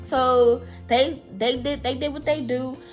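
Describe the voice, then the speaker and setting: Young woman vlogging her story, chatty and a bit anxious, says "like" a lot, soft music under her voice. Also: sits high, steady tone, unhurried. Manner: chatty, frequent "like" and "I'm telling you". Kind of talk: casual storytime.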